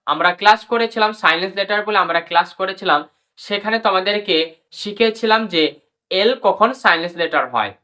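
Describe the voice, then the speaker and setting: Speaking briskly in a bright, forceful mid-range voice, a woman explains English pronunciation rules, repeating each one while she spells letters and drills words. She refers to her viewers as brother and sister.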